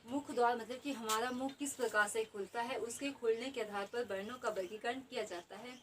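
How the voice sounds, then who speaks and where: A woman's voice: fairly high pitch, fairly quick, recorded from a distance, noisy background. A woman teaching an exam-prep grammar lesson, explaining each term twice and repeating definitions.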